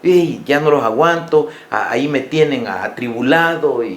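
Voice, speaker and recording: A man's voice: mid-range voice, lively intonation, moderate pace, roomy sound, natural voice. A man voicing an exasperated old male prophet-leader, complaining. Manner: complaining, fed-up pleading.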